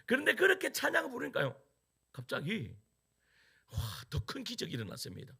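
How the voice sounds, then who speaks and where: A middle-aged man preaching a sermon, his voice gravelly and husky yet bright and forceful. He tells a personal story with wide, animated swings in pitch, rising to loud peaks and dropping to hushed asides. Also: fairly quick. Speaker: pastor.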